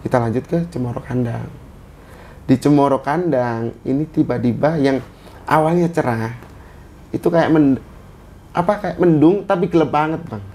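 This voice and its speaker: A man's voice: mid-range voice, moderate pace, long pauses, warm tone, a little hiss or hum. A man from Indonesia telling a story in a casual chat, in short bursts of phrases. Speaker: guest storyteller.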